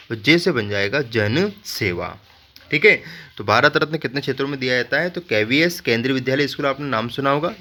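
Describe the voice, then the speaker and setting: A male teacher walks students through memory tricks for a general knowledge lesson. His voice is bright and forceful, and he often breaks off into joking asides. He keeps checking in with the class as he goes. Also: medium pitch. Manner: repeats "ठीक है" as a check-in.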